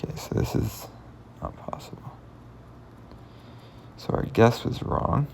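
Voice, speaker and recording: A man hosting a puzzle channel offers casual commentary as he solves puzzles, thinking aloud and often muttering or half-whispering under his breath. He speaks a little slowly in a slightly mellow voice, with a little hiss or hum in the audio.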